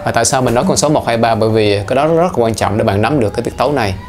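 A man's voice: mid-range voice, very fast, a little mellow. A man teaching guitar in a casual, playful way, counting the beats aloud as he explains. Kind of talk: casual instructional talk. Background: guitar playing.

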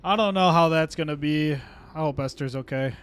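A young man livestreaming a game chats casually as he plays. His voice sits a little on the high side. He jokes and reacts loosely to what happens on screen. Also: normal speed, fairly bright tone, clear, resonant tone. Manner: joking, chatty reactions to the game. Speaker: livestream gamer.

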